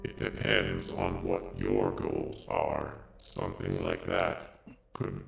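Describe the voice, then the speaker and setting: Super deep gravelly robot oracle, slow cryptic riddles, echoey with music behind. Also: male voice, level tone, full character voice. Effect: robot voice filter. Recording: echoey filtered voice over music.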